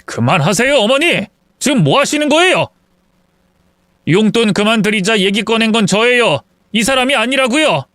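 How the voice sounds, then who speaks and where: A fed-up grown son, as a man acts him out, blunt and worn down as he argues with his parents. The voice is smooth and fairly high for a man. The sound is close and dry. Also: expressive, moderate pace, no room sound. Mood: angry. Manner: pleading, then sharp and blunt.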